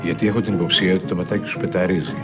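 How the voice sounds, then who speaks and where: Man playing a jealous husband, very deep voice, sarcastic needling, music behind. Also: steady tone, lightly acted. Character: suspicious teasing married man, doctor. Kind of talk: TV series acting.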